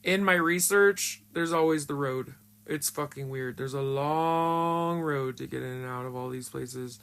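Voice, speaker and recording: Slow-talking storyteller with a disguised voice. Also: mid-range voice, a bit bright, clear, resonant tone. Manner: blunt and frank, swears often, emotional retelling. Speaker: storyteller recounting their own past. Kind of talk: casual spoken storytelling.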